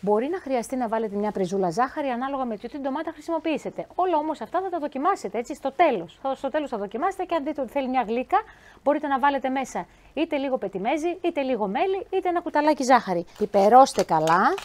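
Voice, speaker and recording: Woman chef, cooking demo, chatty, lively, talks to viewers, fairly high voice. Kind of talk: cooking demonstration.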